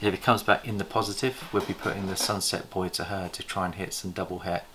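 The host is a middle-aged man with a deep voice and fairly even intonation, recorded by a camera across a table against a noisy background. In his indoor reptile room, he runs a chatty, enthusiastic snake-breeding show-and-tell vlog, pausing to recall details.

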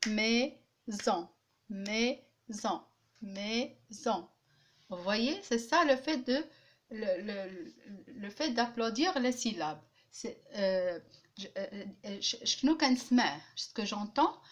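Woman, French teacher: unhurried, repeats words syllable by syllable, hesitant restarts. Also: fairly high pitch. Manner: repeats each word slowly, clapping out syllables. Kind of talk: slow classroom lesson.

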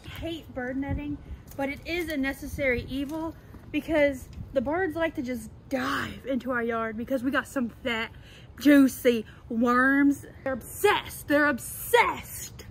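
A woman's voice: high-pitched, moderate pace, a bit bright, slight background noise, rough recording. A young woman vlogging while she gardens outdoors, rambling and joking at the camera. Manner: rambling, jokey and self-mocking, talking to the camera while gardening. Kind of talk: casual chat.

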